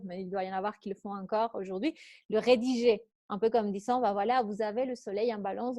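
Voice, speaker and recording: A woman's voice: a little high, darkish tone, no room sound, studio quality. A woman with an accent teaching an online astrology workshop. She talks in a chatty way, reads out questions from participants and laughs easily. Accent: foreign accent. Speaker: astrology coach.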